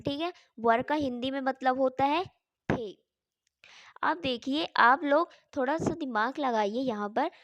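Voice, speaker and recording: A woman with a high-pitched voice teaches English grammar in Hindi, spelling words out letter by letter and asking questions that she answers herself. There is no room sound.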